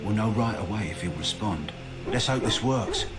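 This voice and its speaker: A steady, caring kennel master from a fantasy video game, voiced by a man in a somewhat low, plain voice. He talks in a calm, practical, matter-of-fact way. Game music plays clearly behind him. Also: normal speed, lightly acted. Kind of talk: scripted game dialogue.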